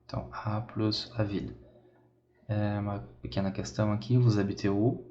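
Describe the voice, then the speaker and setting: A man's voice: on the low side, level tone, moderate pace, warm tone. A Brazilian man with a Brazilian Portuguese accent, teaching a beginner French lesson step by step and often checking in with his students. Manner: explains step by step, repeats phrases, checks in with "tá?". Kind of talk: bilingual language lesson. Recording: dull lo-fi audio.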